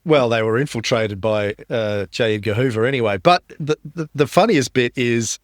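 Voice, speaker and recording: A man hosts a casual chat show, bantering and cutting in with quips. His voice sits at an ordinary middle pitch. The sound is close and dry, with no room around it. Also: normal speed, dry recording. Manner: joking, talks over his co-host. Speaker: podcast host.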